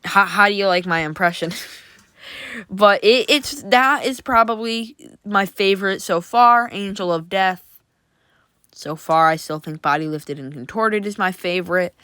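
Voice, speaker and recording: A woman's voice: mid-range voice, normal speed, pushed and bright, smooth, dry recording, clean studio sound. A woman casually reviewing Halloween props, chatty and enthusiastic with lots of fillers. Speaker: prop reviewer.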